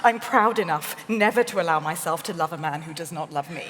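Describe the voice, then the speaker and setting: A woman voicing a proud, wounded young woman in a live dramatic reading, speaking fast and agitated. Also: sits low, a bit bright. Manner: agitated, quick and emotional. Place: large event hall on stage. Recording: hall reverb.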